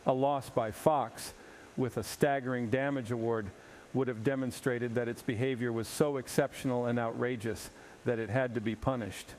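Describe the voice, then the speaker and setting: A man's voice: medium pitch, fairly even intonation, normal speed, darkish tone, natural voice. A man playing an evasive, defensive sports league commissioner in a parody news interview, speaking formally and long-windedly. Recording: clearly noisy background.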